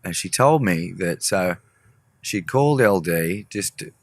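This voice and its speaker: A man's voice: low voice, expressive, unhurried. A man, a musician guest, telling a story in a rambling, casual way with frequent swearing. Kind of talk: casual storytelling in a podcast interview.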